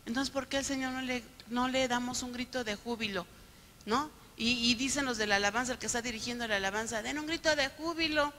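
A woman pastor preaching a sermon, often checking in with the congregation with quick questions. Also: a little high, steady tone, pushed and bright, slight background noise. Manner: keeps asking the congregation "¿no?". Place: church sanctuary. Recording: long reverb of a church hall.

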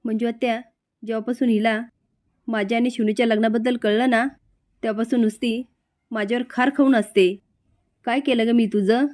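A woman's voice: on the high side, fairly even intonation, brisk, pauses often, a little mellow, lightly acted. A woman voicing a scheming young pregnant woman with an accusing, melodramatic manner. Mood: whining.

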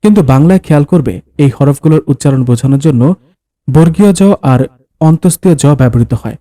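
A man's voice: fairly high pitch, expressive, fast talker, warm tone, dry recording. A man reading a story aloud, voicing a husband who patiently explains things like a teacher, recorded close in a dry booth. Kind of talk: scripted story narration of dialogue.

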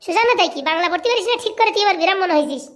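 Here the shrill, nagging wife of a poor village priest scolds in a comic cartoon role. Her fast, mocking delivery is animated and a little bright.

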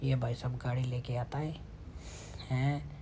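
Man commentating his mobile game, excitable. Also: mid-range voice, measured pace, gravelly. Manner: excitable, exclaims and mutters to himself. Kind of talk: casual gameplay commentary. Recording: noisy with game gunfire behind. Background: gunfire and game sounds.

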